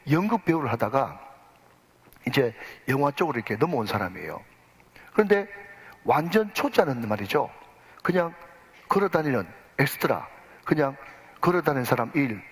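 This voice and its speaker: Emphatic preacher in a long reverb. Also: male voice, on the high side, slightly rough. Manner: emphatic, leads congregation in responses. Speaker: pastor. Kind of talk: sermon. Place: church sanctuary.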